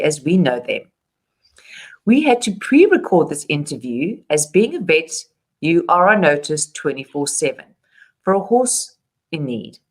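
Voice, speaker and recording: A woman hosting a charity web show, reading an upbeat prepared script. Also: fairly low pitch. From South Africa. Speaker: show host.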